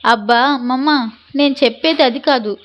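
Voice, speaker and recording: A woman's voice: sits high, a little fast, close to an everyday voice. A woman voicing a lovesick, tearful young granddaughter who speaks hesitantly, in a storybook reading. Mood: tearful pleading. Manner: hesitant, pleading. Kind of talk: storybook narration with voiced dialogue.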